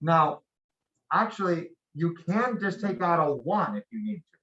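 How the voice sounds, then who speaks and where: A man's voice: on the high side, big pitch swings, a little slow, a bit bright, slightly rough. Male teacher, classroom lecture, patient and step by step, slightly dull lo-fi sound. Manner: checks in with students often, patient and plain. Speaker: math teacher.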